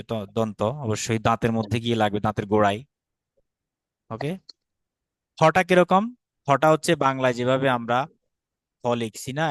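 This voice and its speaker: A patient Bangladeshi man teaches an online grammar class. He speaks at an ordinary middle pitch, sounds out letters slowly for his students to repeat, and drops English words into his explanations. The recording is dry and close, with no room sound. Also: no echo. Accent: Bangladeshi Bengali. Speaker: Sanskrit teacher.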